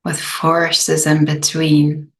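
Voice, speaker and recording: This guided meditation comes from a woman with a deep voice and an entirely flat delivery. She moves gently and slowly, separating short phrases with long pauses.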